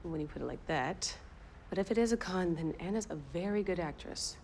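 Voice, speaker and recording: A dry, practical detective. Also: female voice, fairly low pitch, expressive, fairly quick, a little mellow, a little hiss or hum. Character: practical female detective's partner. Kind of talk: period TV drama.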